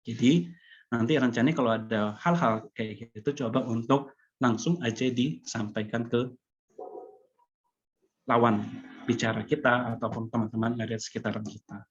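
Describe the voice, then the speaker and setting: Calm man giving advice on a call. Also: medium pitch, moderate pace, pauses often, a little hiss or hum. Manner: calm, explaining with many fillers. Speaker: webinar speaker. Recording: dull lo-fi online call audio.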